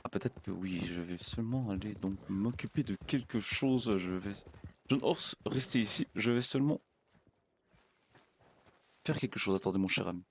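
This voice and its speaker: A naive, overly polite young frontier pastor, played by a man in a western roleplay who chatters to his horse. His voice sits fairly low with a gravelly fry. He stammers and repeats himself in a fussy, formal way. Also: normal speed, a little hiss or hum, close to an everyday voice. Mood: chatty. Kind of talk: in-character roleplay.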